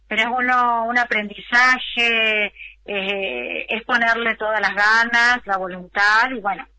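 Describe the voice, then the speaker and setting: A woman's voice: medium pitch, bright, forceful tone, rough recording. A middle-aged woman with an Argentine accent, a municipal culture official talking as a guest in an interview, hesitant and full of fillers. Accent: Argentine Spanish.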